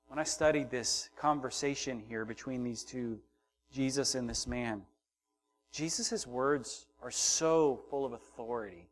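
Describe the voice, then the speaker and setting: A middle-aged pastor with a medium-pitched voice preaches a sermon, shifting from hushed, quiet passages to loud, emphatic ones and acting out the voices in his story.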